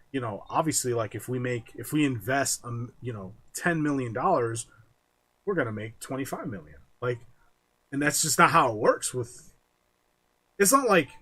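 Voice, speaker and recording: A husky-voiced man on a casual podcast, building into loud, animated rants full of swearing. He keeps slipping into quick mimicking voices for the people he complains about. His tone is rough and breathy rather than smooth. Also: mid-range voice. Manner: animated ranting, swears often, acts out quoted voices. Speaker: podcast co-host.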